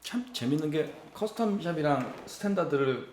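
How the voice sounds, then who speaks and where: A man's voice: fairly high pitch, animated, normal speed, darkish tone, roomy sound, slight background noise. A man co-presenting a guitar review, chatting casually and asking follow-up questions. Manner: curious, asks follow-up questions. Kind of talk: casual gear review conversation.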